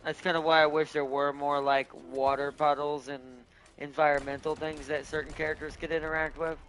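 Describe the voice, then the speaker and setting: A man's voice: a little high, level tone, moderate pace, fairly bright tone, slight background noise, poor audio. A man hosting a gaming video with casual, rambling commentary, thinking aloud as he plays. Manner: rambling, thinking aloud about game lore.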